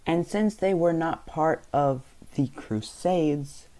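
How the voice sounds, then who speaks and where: A young man who isn't a native English speaker casually narrates a map video in a slow, mellow voice on the high side. His storytelling is loose and rambling, and he often stops to correct himself.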